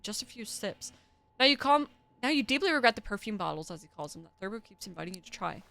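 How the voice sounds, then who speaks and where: A young woman streamer reads game narration in dramatic second person and breaks off for chatty asides to her viewers. Her medium-pitched voice is animated, quick, creaky, bright and forceful. Faint music and slight background noise sit behind her.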